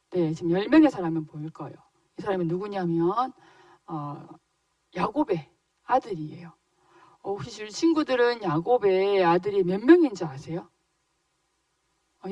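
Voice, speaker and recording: A woman tells a Bible story to small children in an animated, questioning way, her pitch sitting in a middle range. The sound is dry, and she stands a little back from the mic. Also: no echo, distant mic. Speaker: children's ministry teacher.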